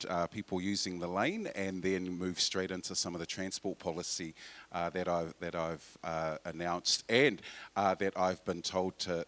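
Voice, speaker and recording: A man with a New Zealand accent addresses a public forum as a councillor, his voice sitting very low. He talks in a relaxed, informal way, often pausing on fillers and restarting his phrases. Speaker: councillor and mayoral candidate.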